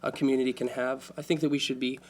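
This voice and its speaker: A man with a mid-range voice and flat delivery speaks quickly on a community forum panel. He serves on the board of a public access station, and his earnest remarks keep restarting mid-sentence.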